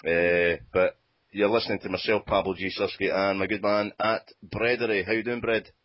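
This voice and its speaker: A man with a broad Scottish accent hosting a casual comic podcast, halting and often repeating his words. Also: on the low side, little pitch movement. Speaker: podcast host. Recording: dull, lo-fi voice-call audio.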